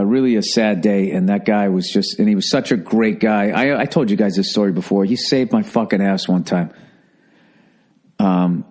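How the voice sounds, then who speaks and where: A man in his forties hosting a podcast, telling stories in a loose, profane, animated way and putting on other people's voices as he goes. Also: medium pitch. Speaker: comedian podcast host. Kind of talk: casual storytelling monologue.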